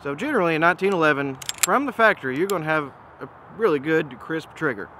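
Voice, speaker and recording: A man giving a casual, easygoing product comparison as a presenter, speaking in an informal, measured and opinionated way. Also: a little high, animated. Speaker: gun reviewer and presenter. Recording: noisy outdoor recording with ambient hum.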